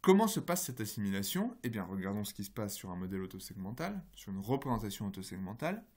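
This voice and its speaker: A man's voice: lowish voice, big pitch swings, fast talker, darkish tone. Man giving a phonology lecture. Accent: French. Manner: explanatory, addresses students directly. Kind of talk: recorded university lecture.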